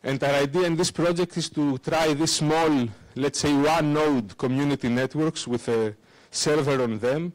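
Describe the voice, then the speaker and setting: Halting man giving a tech talk. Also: a little high. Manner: halting, many fillers and restarts, non-native phrasing. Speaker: conference speaker. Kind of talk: technical conference talk with live demo. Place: lecture room at a conference. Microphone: handheld microphone.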